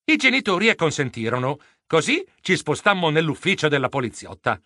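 Bright, animated man narrating a kids' story. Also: a little high, a little fast, dry recording, clean studio sound. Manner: expressive storytelling. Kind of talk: children's audiobook narration.

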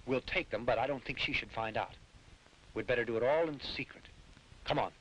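An actor playing a calm, earnest doctor and father in a 1950s dubbed film. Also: medium pitch, a little fast, close to an everyday voice, poor audio. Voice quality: earnest, reasoning. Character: calm male doctor, worried family father.

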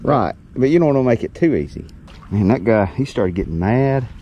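A middle-aged man with a Southern US drawl talks to the camera out on a fishing boat. His voice is mellow and swings widely in pitch as he jokes along. Faint wind and water noise sit behind him. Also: animated, a little fast, lo-fi sound. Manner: chatty, joking, narrating to camera. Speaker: fishing vlogger. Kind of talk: casual chat. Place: small boat on open water outdoors. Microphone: action camera on the boat.

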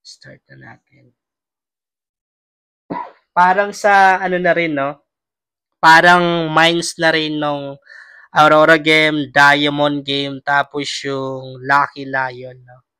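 A man's voice: on the high side, flat delivery, slow, pauses often, bright, forceful tone, clear, resonant tone, no echo. A young Filipino man hosting a casual gaming vlog, his voice strained by a cough. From Philippines. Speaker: vlogger and host.

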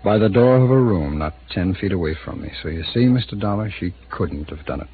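An actor in his thirties brings a brisk, expressive low voice to the role of a laid-back city attorney who dodges a bit. The 1950s radio drama comes through as a tinny old broadcast full of hiss.

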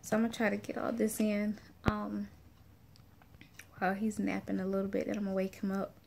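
A woman chats casually to camera in the informal, folksy, conversational style of a family vlogger, recorded on a phone camera held at arm's length. Her voice is medium-pitched, monotone, brisk and creaky with a darkish tone, and there's slight background noise.

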